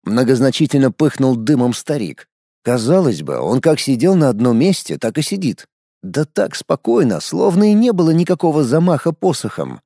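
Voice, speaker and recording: A man narrating an audiobook in a lively storytelling manner, acting out the dialogue. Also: mid-range voice, normal speed, dry recording, studio quality. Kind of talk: scripted narration.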